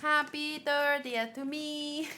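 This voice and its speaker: Slight background noise sits behind a thirty-year-old woman's high, sharp voice as she slowly and steadily chats. She hosts a gaming channel and is casually unboxing plush gifts on stream, gushing and rambling cutely.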